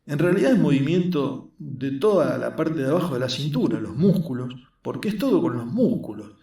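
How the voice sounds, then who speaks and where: A man's voice: very animated, moderate pace, vocal fry, mellow. A man voicing an earnest, skinny young man, explaining his craft patiently. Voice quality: squeaky. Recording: roomy echo, mic at a distance.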